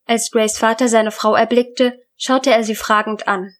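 A woman with a fairly high voice narrates a dark short story as an audiobook reader. Her reading is even and measured, scripted and deliberate.

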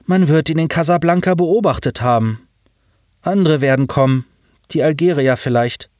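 A man's voice: a little high, normal speed, a little mellow, no room sound, studio quality, voice pushed up, lightly acted. A man voicing a worried young wife who gives blunt, urgent warnings.

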